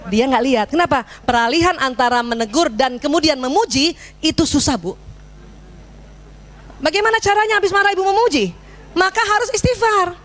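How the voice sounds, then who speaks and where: A woman's voice: high voice, a little fast. A middle-aged woman giving a religious parenting lecture, telling stories and acting out dialogue with her child. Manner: animated storytelling with acted-out dialogue.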